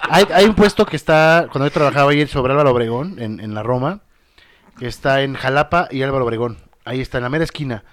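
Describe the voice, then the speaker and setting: A man's voice: mid-range voice, fast talker, fairly bright tone, a little hiss or hum. A young man with a Mexican accent chatting casually, teasing and laughing while he explains. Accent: Mexican Spanish. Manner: teasing, laughs often, explains with many restarts. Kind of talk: casual chat.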